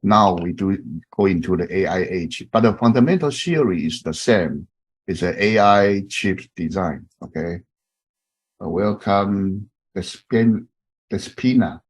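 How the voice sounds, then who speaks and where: A man in his fifties from Taiwan with a Taiwanese accent, a professor introducing himself to an online class in halting speech full of fillers and restarts. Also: sits low, breathy edge.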